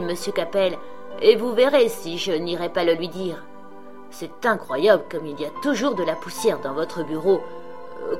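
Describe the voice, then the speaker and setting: A woman's voice: medium pitch, natural voice. Storybook servant man, sly and fussy, mock outrage, read by a woman, faint music behind. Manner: mock-indignant, sputtering scorn. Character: sly, fussy male servant, middle-aged.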